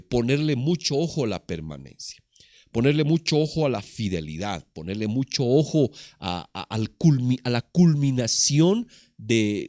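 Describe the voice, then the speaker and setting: A man's voice: medium pitch, a little mellow, dry recording, clean studio sound. A man preaching a sermon as pastor at an online church service, building emphasis through repeated phrases. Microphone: online service broadcast.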